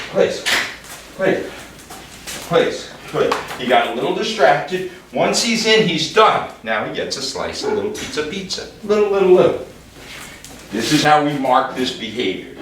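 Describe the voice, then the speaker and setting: A man working as a dog trainer, calmly explaining a hands-on demonstration and giving short commands to dogs. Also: medium pitch. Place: room in a house. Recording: echoey room, mic far off, background noise.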